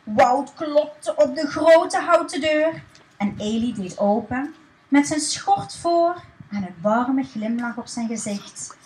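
A woman reading a children's story aloud in a lively, expressive way. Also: sits high, takes it slowly, roomy sound, a little hiss or hum, rough recording.

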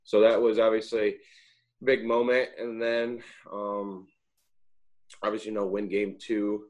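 A young man, a former college pitcher, telling long, rambling stories in a casual interview and often correcting himself mid-sentence. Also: flat delivery, unhurried, darkish tone. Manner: rambling, self-correcting anecdotes.

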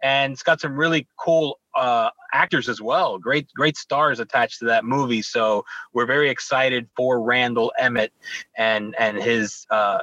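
An enthusiastic male co-host with an effusive, hype-building way of talking. His voice is bright and forward, and it comes through on a dull, dry recording. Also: medium pitch, fairly even intonation, unhurried, no room sound. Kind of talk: casual podcast chat.

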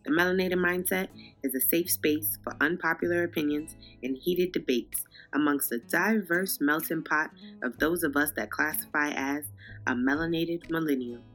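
A young woman with a New York accent, hosting a podcast in a loud, unfiltered, casual way that speaks straight to listeners. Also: low voice, normal speed, soft background music. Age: young adult. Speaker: podcast host.

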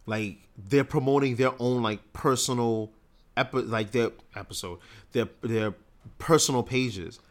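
Casting: male podcast co-host, average pitch, slangy, worked-up casual rants. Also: a little slow. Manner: slangy, ranting, petty. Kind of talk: casual chat.

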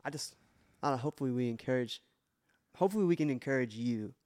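Fast and animated, with a darkish mid-range voice, a podcast co-host pours out an emotional, earnest testimony about his faith in casual conversation, with many restarts along the way.

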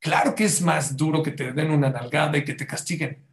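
A man delivers a sermon, his voice sitting a little high. He tells stories and keeps turning to the audience with rhetorical questions, animated throughout. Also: fairly quick.

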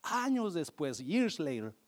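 Bilingual preacher telling a parable. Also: male voice, on the high side, sing-song, slow. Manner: switches between Spanish and English; emphatic, varies between loud and hushed. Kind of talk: sermon storytelling.

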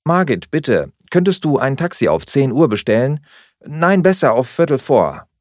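A man voicing a flustered young woman hurriedly packing for a trip, talking fast and pleading. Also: medium pitch, sing-song, no echo, clean studio sound, voice pushed up.

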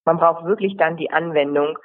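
A woman's voice: deep voice, moderate pace. A woman rhetoric coach answering interview questions, explaining at length and listing examples in runs. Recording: tinny phone-like line.

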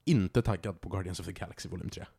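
A man co-hosting a casual podcast chat about films, opinionated and given to quick bursts and restarts. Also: sits low, vocal fry, warm tone, slightly rough. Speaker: podcast co-host.

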